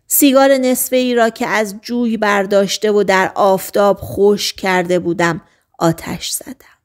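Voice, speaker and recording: Soft-spoken woman reading a novel. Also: mid-range voice, fairly even intonation. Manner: soft, hushed, often half-whispered delivery. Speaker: audiobook narrator.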